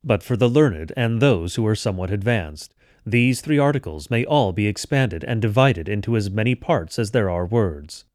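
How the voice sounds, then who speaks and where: A man reading scripture and catechism aloud in a measured, even way, as a daily devotional. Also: on the low side, dry recording, clean studio sound. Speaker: devotional reader.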